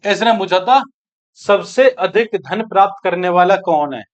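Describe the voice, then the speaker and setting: A man's voice: high-pitched, lively intonation, a little slow. A man teaching an exam-prep maths lesson, working through sums aloud and asking and answering his own questions. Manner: addresses students as friends and brothers.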